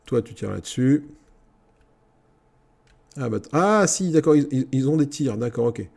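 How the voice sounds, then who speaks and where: Gravelly man commanding his troops. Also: medium pitch, measured pace. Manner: talks to his troops, excitable outbursts. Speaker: gaming YouTuber. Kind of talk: casual Let's Play commentary.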